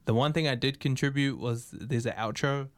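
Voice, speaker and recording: A man chatting casually about his album, relaxed, with laughing asides and lots of fillers. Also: mid-range voice, normal speed, dry recording. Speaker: musician introducing his album. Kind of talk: casual chat.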